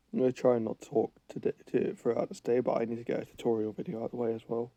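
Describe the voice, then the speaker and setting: With vocal fry and a warm tone, this gaming channel host talks at a quick pace and steady pitch while playing, his rambling, self-correcting commentary worn down by a cold that is costing him his voice. His voice sits at medium pitch, and the recording is dry.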